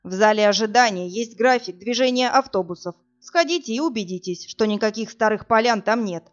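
A woman voicing a weary middle-aged male police captain who talks in a bored, dismissive, unhurried way. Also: mid-range voice, animated, faint music behind, lightly acted. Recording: dull lo-fi audiobook recording.

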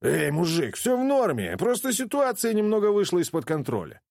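A man voicing an aggressive, cocky young male bully who shouts in a raised, strained voice. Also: huge pitch swings, moderate pace, vocal fry, no echo, studio quality, heavily acted. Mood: nervous bravado. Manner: snarling, shouting high.

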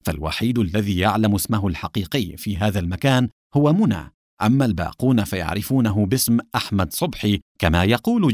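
A man narrating a thriller audiobook in a dramatic, expressive style. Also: fairly low pitch, no echo, clean studio sound.

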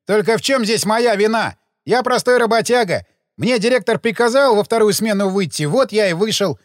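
A man's voice: high-pitched, animated, normal speed, no echo, clean studio sound, pitched above the performer's own voice. A man doing a scared, defiant gravedigger. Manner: agitated, defensive, slangy. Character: sullen frightened male cemetery laborer.

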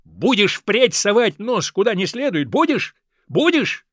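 A man voicing a stern father who scolds loudly and repeats himself. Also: high voice, very animated, normal speed, dry recording, clean studio sound. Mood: furious. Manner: loud, repeating words, scolding. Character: angry stern father scolding his son.

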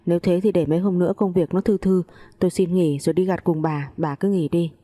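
Woman voicing a gruff impatient old father-in-law. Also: lowish voice, steady tone, quick pace, mellow, close to an everyday voice. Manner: impatient, questioning.

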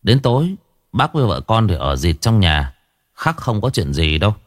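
A man voicing a young male exorcist who speaks calmly and coldly commands. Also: lowish voice, moderate pace, dry recording, studio quality. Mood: calm advising. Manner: calm, cold and commanding.

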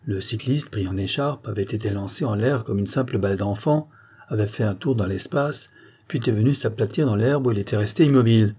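A man reading a novel aloud as a measured, unhurried narrator, lifting his voice for the dialogue. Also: lowish voice, dark tone, slightly rough. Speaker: audiobook reader. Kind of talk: scripted narration.

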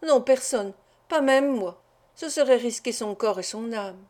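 A woman's voice: a little high, expressive, a little slow, a little mellow. A woman voicing a superstitious village shepherd in an audiobook, speaking with exclamatory wonder. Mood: uneasy. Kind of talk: audiobook character reading.

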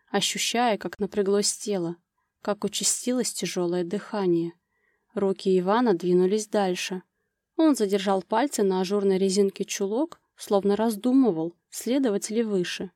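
A woman narrating a romance novel as an audiobook, with smooth, expressive storytelling. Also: mid-range voice, normal speed, no room sound, clean studio sound.

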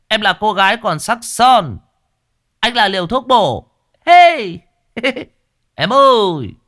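A man voicing a cheeky, shameless drunk young man who talks in a high, brash, teasing voice. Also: big pitch swings, extremely slow, pauses often, fairly bright tone, exaggerated voice.

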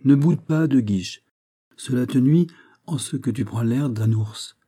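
A man's voice: mid-range voice, unhurried, dark tone, voice pushed up, lightly acted. A man voicing a vain, jovial young prince who teases his courtier in a lordly way, in an audiobook of a classic novel. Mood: teasing jovial. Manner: teasing, laughing, lordly.

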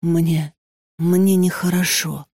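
A woman's voice: fairly low pitch, darkish tone, dry recording, clean studio sound. A woman doing a faint delirious sick girl.

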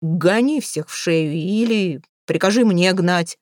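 A woman voices a towering, mustached man who talks bluntly and gruffly. The voice is dry and close. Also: fairly low pitch, slow, a little mellow, no room sound.

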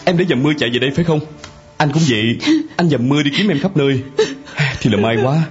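An actor playing a devoted young man in a radio drama, talking earnestly and fast. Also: mid-range voice, faint music behind, lightly acted. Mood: relieved. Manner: earnest, rapid pleading. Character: devoted young man, anxious then relieved. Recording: dull lo-fi radio drama recording.

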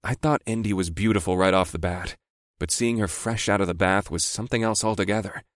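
A man's voice: deep voice, brisk, dry recording, clean studio sound. A man narrating a first-person story in a wry, sardonic manner. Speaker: audiobook narrator.

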